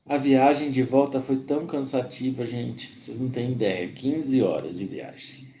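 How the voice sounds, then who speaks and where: A man hosting a live stream with a cold, his voice hoarse, greeting viewers by name in a slow, friendly way. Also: medium pitch, steady tone, warm tone. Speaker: host of a spiritist live stream. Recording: echoey room.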